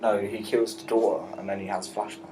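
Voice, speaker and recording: A man's voice: lowish voice, level tone, brisk, warm tone. A young man in his late teens leading a student planning meeting, directive and pushing the group along. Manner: directive, keeps steering the talk. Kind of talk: casual group discussion. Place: school classroom. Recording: roomy classroom with background noise.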